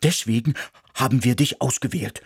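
A man's voice: mid-range voice, moderate pace, breathy edge, no echo, clean studio sound. A man voicing an earnest, pleading dog. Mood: urgent. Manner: earnest, insistent.

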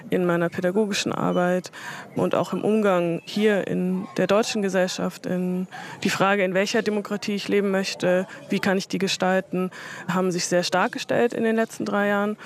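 A woman who grew up in Germany, giving measured, reflective answers in an interview. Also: mid-range voice, little pitch movement, slight background noise. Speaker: interview guest.

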